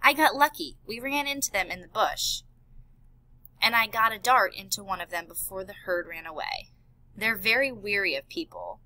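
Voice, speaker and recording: A woman's voice: medium pitch, expressive, normal speed, bright, forceful tone, rough recording. A woman voicing an earnest male elephant scientist and worried father in an audiobook. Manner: earnest, pleading.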